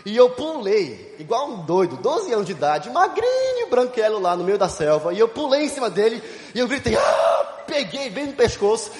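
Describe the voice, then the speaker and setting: Male preacher, high and lively delivery, sermon storytelling, booming hall reverb. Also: moderate pace. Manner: animated storytelling, shouting and laughing. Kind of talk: youth conference sermon. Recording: echoey hall.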